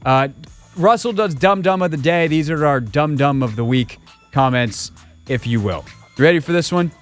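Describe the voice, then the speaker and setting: A man's voice: a little high, lively intonation, moderate pace, faint music behind. A man hosting a sports radio show, reading fan comments aloud and mocking them sarcastically. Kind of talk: casual sports radio chat.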